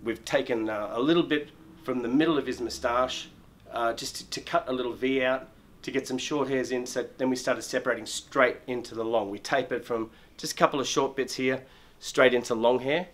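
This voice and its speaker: A man's voice: medium pitch, steady tone, brisk, hardly any pauses, a bit bright. A middle-aged man, a barber, explaining a trim and shave step by step as he works, often restarting and repeating words, in a barber shop. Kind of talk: step-by-step grooming demonstration.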